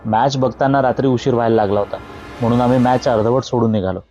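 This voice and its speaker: Mellow-voiced man narrating a horror story. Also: medium pitch. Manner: steady, measured storytelling. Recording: slightly dull, faint music behind.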